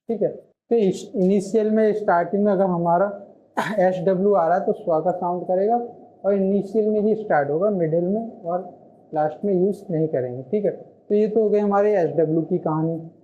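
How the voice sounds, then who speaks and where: Heard through a muffled lo-fi recording, a male shorthand teacher with a high-sitting voice and dark tone leads an online lesson. He explains with patience, often breaking off to pose a question and supply the answer himself.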